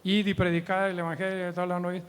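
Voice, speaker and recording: A guest preacher and missions trainer from Mexico City, early 70s, with a Mexican accent, shares humorous anecdotes in a conversational church teaching, regularly checking for agreement with quick tag questions. His voice is high-pitched, clear, and resonant, but completely flat in delivery and a little fast. Long hall reverb from the church sound fills the meeting hall.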